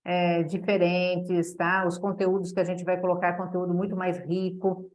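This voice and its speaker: A course host from Santo André with a São Paulo state Brazilian Portuguese accent runs a casual video call, chatty and ending phrases with tag questions. Her lowish, slightly mellow voice is monotone at a moderate pace.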